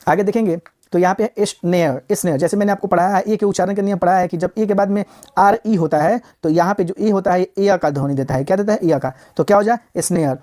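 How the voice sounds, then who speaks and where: A woman on the low side, dark in tone, teaches vocabulary in a recording. She repeats each word as a drill, slows to spell and sound it out, and tosses rhetorical questions to her students.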